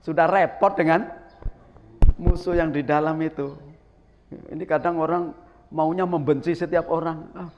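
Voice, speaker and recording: Joking preacher in a reverberant hall. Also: male voice, a little high, a little slow, pauses often, dull audio, a little hiss or hum. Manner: lively, joking, asks the audience questions. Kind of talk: dawn sermon.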